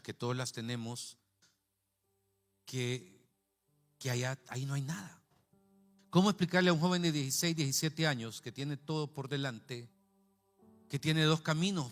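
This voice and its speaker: A middle-aged man with a Central American Spanish accent preaching a sermon, telling personal stories in an animated, conversational way with frequent asides to the congregation. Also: a little high. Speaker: pastor. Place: church sanctuary. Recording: long church reverb.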